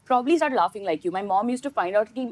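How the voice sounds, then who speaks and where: A woman's voice: mid-range voice, lively intonation, rapid-fire, no room sound. A woman with an Indian accent chatting casually in a group interview about her work. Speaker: film actor in a group interview.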